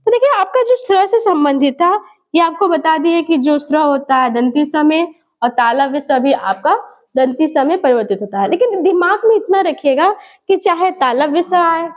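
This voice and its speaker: A woman. She poses questions and answers them herself, drilling key words again and again. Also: very high-pitched. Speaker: Hindi grammar teacher. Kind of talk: classroom lesson.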